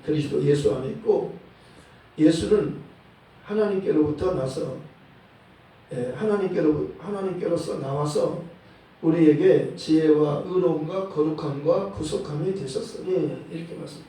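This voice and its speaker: A man's voice: on the high side, mellow. Man preaching in an echoey church. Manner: measured preaching, dotted with "예" and quoted verses. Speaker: pastor. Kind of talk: sermon. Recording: echoey hall, voice from a distant mic.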